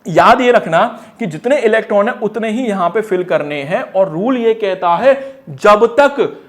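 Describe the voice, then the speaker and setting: A man teaching an energetic one-shot lesson in a playful, teasing way. He fires quiz questions, answers them himself and stretches phrases into a singsong. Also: high voice, measured pace. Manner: drags words out in a singsong way.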